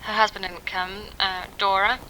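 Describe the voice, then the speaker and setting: Recorded on a 1960s home tape, a thirtysomething woman from England, a mother, chats to her family in an audio letter from her quiet house, hesitating with frequent ums. Her mid-range voice is level, pushed and bright. Low-quality audio with a little hiss or hum.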